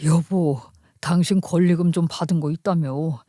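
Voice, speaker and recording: A woman voicing a man, an ex-husband asking for money in a soft wheedling tone. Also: low-pitched, fairly even intonation, moderate pace, no echo, studio quality, voice pushed down.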